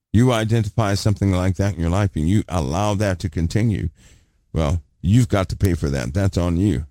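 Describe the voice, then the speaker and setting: A man preaching a sermon with a low, mellow voice. He poses rhetorical questions and repeats phrases for emphasis. The sound is dry and close. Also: no echo.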